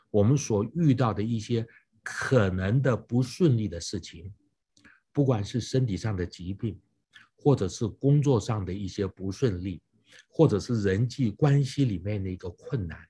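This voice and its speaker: A man's voice: fairly low pitch, mellow, slightly rough. A man preaching a sermon, explaining scripture with rhetorical questions and frequent fillers.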